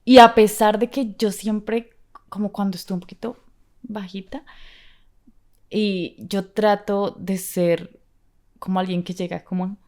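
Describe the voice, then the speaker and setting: A woman's voice: medium pitch, steady tone, unhurried, pauses often, darkish tone. A woman in a casual podcast chat, giving agreeing replies and talking earnestly about her faith.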